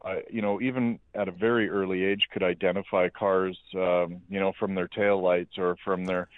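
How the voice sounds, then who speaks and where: Deep-voiced man on a tinny line. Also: moderate pace, no echo. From Canada. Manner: relaxed, rambling with many fillers. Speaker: guest, metal fabricator and speed shop owner. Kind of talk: casual interview chat.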